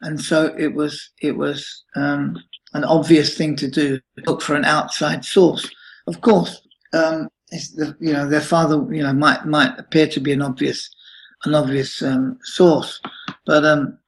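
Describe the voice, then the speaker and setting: A man in his late fifties, recounting a troubling experience in a halting interview answer with many restarts. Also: on the high side, flat delivery, poor audio. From United Kingdom. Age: 50s. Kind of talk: emotional personal account.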